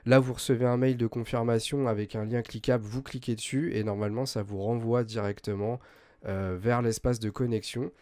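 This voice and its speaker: A man hosting a software tutorial, explaining step by step in a chatty way, full of hesitations and self-corrections. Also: mid-range voice, fairly even intonation, brisk. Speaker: host of a web tools tutorial channel. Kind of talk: screen-recorded software tutorial.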